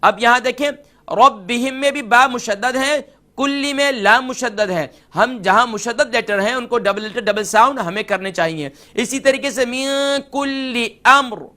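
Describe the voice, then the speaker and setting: A man with a Pakistani Urdu accent teaching tajweed, slowly modelling each word before explaining the pronunciation rules. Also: very high voice, bright, forceful tone. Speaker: Quran recitation teacher.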